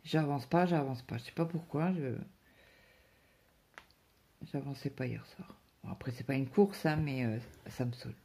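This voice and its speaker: A middle-aged woman, a crafting vlogger, tells a chatty story about her day in a bass voice with vocal fry, at normal speed and with frequent pauses. She acts out lively snippets of her husband's words and sometimes drops to a whisper.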